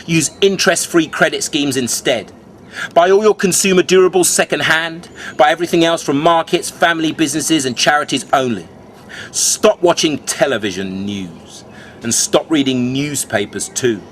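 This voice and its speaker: A man with a fairly high voice performs rhyming spoken-word verse like a cool beatnik. He stretches phrases for drama and confides in the listener like a mentor sharing a secret. There is clear noise behind him. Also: normal speed, a bit bright. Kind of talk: rhyming stand-up beat poetry performance.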